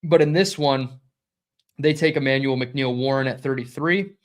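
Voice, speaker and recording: A young man hosts a live sports reaction stream in a loose, conversational way. He talks quickly, stumbles over a word now and then, and reads viewers' chat comments aloud as he goes. His voice sits at an ordinary middle pitch for a man. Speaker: podcast host.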